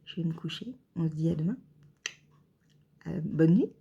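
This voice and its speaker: A woman vlogging casually at home, hesitant and chatty with many pauses and fillers. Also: sits low, vocal fry, dark tone, breathy edge, muffled recording. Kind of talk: casual vlog chat.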